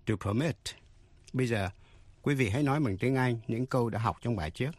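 A man presenting a radio English lesson, speaking slowly and carefully and giving English example sentences. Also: mid-range voice, a little mellow, no echo. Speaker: English teacher.

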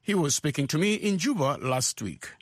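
A man's voice: a little high, animated, moderate pace. A man presenting radio news and asking interview questions as the host.

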